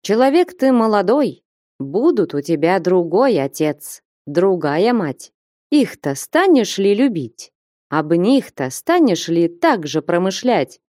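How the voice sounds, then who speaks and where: A woman playing a stern, warm-hearted elderly merchant father who talks solemnly and emphatically, in an audiobook. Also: mid-range voice, very animated, slow, no echo, studio quality. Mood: fatherly.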